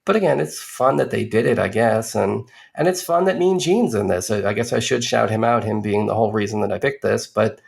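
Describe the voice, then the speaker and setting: A man with a low, gravelly voice talks through a movie review on a podcast. He rambles, restarts his sentences and drops dry, sardonic asides as he goes. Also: fairly quick, hardly any pauses.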